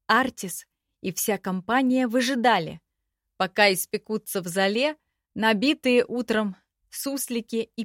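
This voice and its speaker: A woman reads a fantasy story aloud in an even, steady manner. Her voice sits at a mid pitch. The recording is close and very dry. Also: no echo. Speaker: audiobook narrator. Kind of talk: scripted storybook narration.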